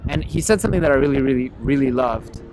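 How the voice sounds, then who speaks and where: In a casual conversational discussion, this man, a memory expert hosting a podcast, tells lively stories and performs example greetings. He speaks quickly and expressively at a medium pitch, and background noise can be heard.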